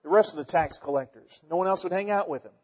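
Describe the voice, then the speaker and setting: A man in his forties, a pastor, preaches a fervent sermon in a church sanctuary, full of rhetorical questions and folksy asides. His high voice moves at a quick pace, darkish in tone with a breathy edge. The sound is dull, echoing in the reverberant hall.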